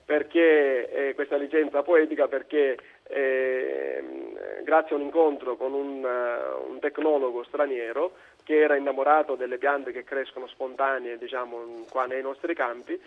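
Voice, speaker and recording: A man with a Sicilian accent giving unscripted interview answers, haltingly searching for his words. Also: mid-range voice, vocal fry. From Sicily, Italy. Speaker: interview guest, fruit producer. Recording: narrow tinny phone-like line.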